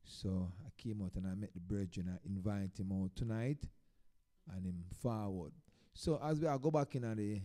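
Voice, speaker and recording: Speaking Patois with a Jamaican accent, a male performing poet opens a live event with stage banter and storytelling, delivering short phrases with emphatic swells. His voice sits on the low side, mellow, at a normal speed.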